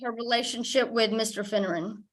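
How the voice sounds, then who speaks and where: A woman attorney questions a witness in court in a fairly high voice. Her questions are brief and formal. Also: steady tone, fairly quick, low-quality recording.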